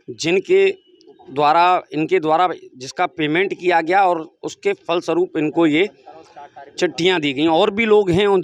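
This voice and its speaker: A man reporting in the field, asking victims brisk, formal questions. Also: on the high side. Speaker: news reporter. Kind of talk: field news interview. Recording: muffled lo-fi audio.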